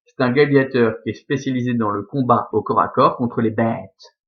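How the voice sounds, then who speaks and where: Male latin teacher, patient step-by-step explaining, mid-pitched voice, dull lo-fi recording. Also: normal speed. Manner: patient, explanatory, checks with "ok?" and "d'accord?". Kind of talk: classroom grammar lesson.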